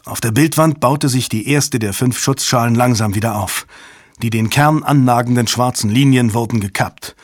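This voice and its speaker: A man narrating a thriller audiobook in a steady, measured way. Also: medium pitch, no echo, studio quality. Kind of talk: scripted narration.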